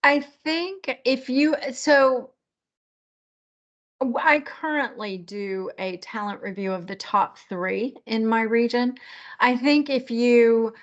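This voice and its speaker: A woman speaks in a work meeting over a video call, her voice dulled by the lo-fi line. She talks in a measured, thoughtful way, often restarting her sentences. She has the hiccups. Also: on the high side, steady tone. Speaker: manager in a work discussion. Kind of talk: casual work meeting discussion.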